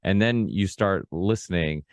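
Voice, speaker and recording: A native Portuguese speaker, born in Portugal and roughly forty, hosts a casual long-form podcast conversation, rambling with many restarts and repeated "you know, like". His voice is low-pitched and unhurried, recorded with no room sound.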